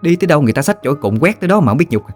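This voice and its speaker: A man's voice: a little high, sing-song, rapid-fire, soft background music, voice pushed up. A man voicing a quarrelsome village wife who trades biting insults in a Southern Vietnamese accent. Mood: scornful.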